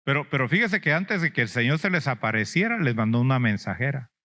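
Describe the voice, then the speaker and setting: A man's voice: mid-range voice, expressive, fast talker, pushed and bright. A man preaching a sermon as an apostle, questioning the congregation, prompting them with "mm?" and "ujú", and acting out lamenting believers in a whiny voice.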